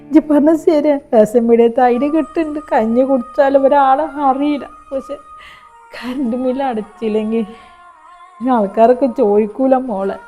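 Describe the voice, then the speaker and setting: A woman's voice: high voice, moderate pace, mellow, faint music behind, lightly acted. A woman playing a poor elderly widowed mother in a short skit, speaking in a Malappuram accent, hurt and pleading. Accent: Malappuram Malayalam. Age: older. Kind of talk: short-film skit acting.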